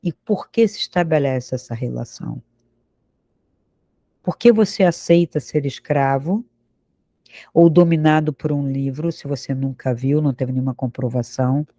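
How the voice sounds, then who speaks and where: A man's voice: mid-range voice, moderate pace, warm tone, no echo, clean studio sound. A man with a Brazilian accent giving a spiritual lecture, firing rhetorical questions at his listeners and acting out the excuses of imagined people. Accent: Brazilian Portuguese. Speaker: spiritual teacher.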